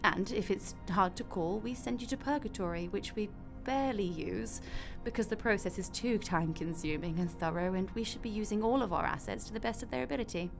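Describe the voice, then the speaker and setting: Lightly acted and fairly quick, a woman's gravelly, medium-pitched voice plays God in a radio drama over music. Her character runs the afterlife breezily and glibly, explaining everything with chatty, flippant matter-of-factness.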